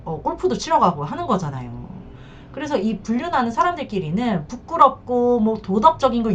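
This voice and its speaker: A woman's voice: on the high side, dull audio. A woman counselor giving blunt advice on cheating husbands, often acting out what the men say. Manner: blunt, acts out quoted men in lively bursts. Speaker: divorce and infidelity counselor. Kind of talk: advice talk to camera.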